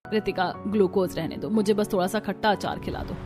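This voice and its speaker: A woman's voice: mid-range voice, fairly quick, music in the background, close to an everyday voice. Woman voicing a weary working mother-in-law. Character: modern working mother-in-law, tired and uneasy.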